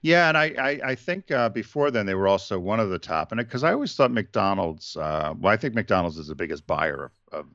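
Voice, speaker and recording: Man, co-host, casual chat, rambling, deep voice, muffled dry sound. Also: lively intonation, brisk, few pauses, a bit bright, dry recording. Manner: rambling, many fillers and restarts. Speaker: podcast co-host.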